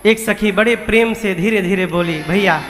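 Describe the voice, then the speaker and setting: Devotional storyteller guy, really high voice, roomy hall w music behind. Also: pushed and bright. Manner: switches between rapid speech and drawn-out singing. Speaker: religious storyteller. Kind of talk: devotional storytelling with sung verses.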